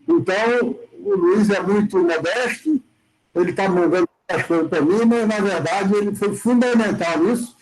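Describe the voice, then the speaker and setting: High-voiced polite moderator, man. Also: normal speed, a little mellow, poor audio. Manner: polite interjection, formal. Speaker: session moderator.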